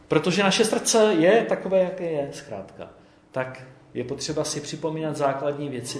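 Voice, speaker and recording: A man's voice: medium pitch, slight background noise. Man, preacher, conversational sermon, roomy echo, church. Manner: conversational, often adds "jo?".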